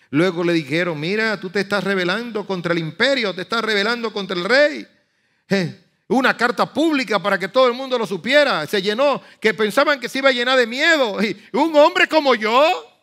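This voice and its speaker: A pastor preaching a sermon, swinging from soft murmurs to loud, high outbursts and acting out biblical speech with dramatic emphasis. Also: male voice.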